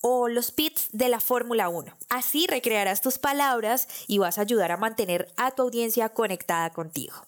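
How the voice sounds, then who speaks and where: Woman giving a measured speaking lesson. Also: a little high, soft background music. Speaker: podcast host teaching public speaking. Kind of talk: scripted podcast lesson.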